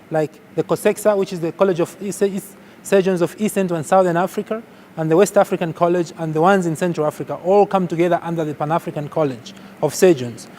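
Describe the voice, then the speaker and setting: A man from Zambia, a surgeon and health diplomat, speaking in an earnest, measured interview statement with some restarts. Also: fairly high pitch, warm tone, slight background noise.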